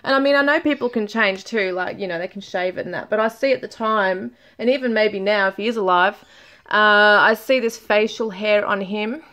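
A woman's voice: mid-range voice, moderate pace, fairly bright tone. A middle-aged woman doing a casual tarot reading to camera at home, thinking aloud with many fillers and restarts. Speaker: tarot reader.

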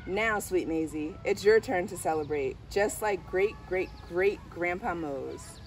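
Unhurried and fairly low-pitched, a middle-aged woman reads a picture book aloud as a story. She is a school diversity director seated on a garden bench beneath trees, and a camera mic a few steps away picks up outdoor background noise too.

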